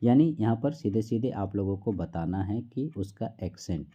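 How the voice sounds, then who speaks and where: Low dark-voiced male teacher. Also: animated, husky, lo-fi sound. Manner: repeats "theek hai" often, reads questions slowly. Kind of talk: explaining a class quiz.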